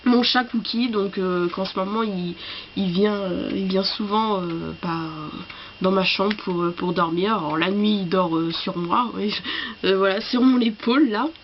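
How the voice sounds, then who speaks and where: A woman with a cold, coughing now and then, who talks to camera about books in a halting, apologetic way. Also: medium pitch, highs cut off, a little hiss or hum. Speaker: book vlogger. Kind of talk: casual chat to camera.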